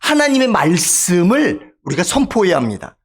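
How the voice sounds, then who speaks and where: A man's voice: sits high, very animated, moderate pace, breathy edge. A male pastor delivering a sermon in a church, emphatic and calling out for amens from the congregation. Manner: emphatic, calls for amen from congregation. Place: church sanctuary.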